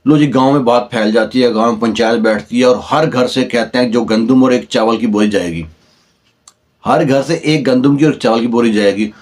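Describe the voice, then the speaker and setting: A man with a Pakistani Urdu accent recounts a folk tale in a relaxed, conversational storytelling voice at a mid pitch. He slips briefly into the voices of the people in the story as he goes. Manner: conversational, acts out dialogue in the telling. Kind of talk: oral storytelling.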